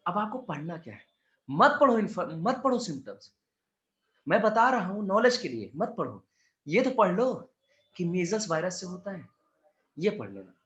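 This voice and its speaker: A man's voice: high voice, a bit bright, echoey room, lo-fi sound. A male biology teacher giving a chatty exam-prep lecture with words, asking his students' questions in his own voice.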